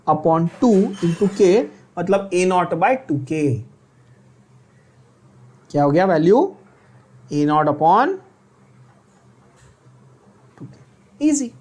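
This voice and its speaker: Male Indian teacher, unhurried, playfully scolding lecture delivery. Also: high voice, darkish tone. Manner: teasing, scolds students playfully; slow, drawn-out explanations with frequent checks. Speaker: chemistry teacher. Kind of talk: classroom lecture in Hindi-English mix.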